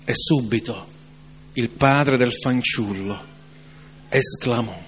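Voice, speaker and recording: A man preaching an evening sermon, moving from calm reflection to loud, emphatic climaxes. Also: medium pitch. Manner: slow, deliberate delivery.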